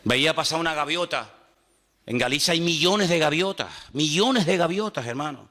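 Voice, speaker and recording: A man in his sixties from Venezuela preaching a sermon at a church retreat, lively and humorous, acting out the people he quotes. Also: on the high side, moderate pace. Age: 60s. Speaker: pastor. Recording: hall with long reverb.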